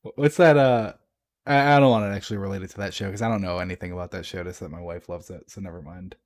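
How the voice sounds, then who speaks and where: A young adult man co-hosting a podcast, talking casually and excitedly, swearing freely and restarting often. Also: low-pitched, fast. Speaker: podcast co-host. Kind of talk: casual chat.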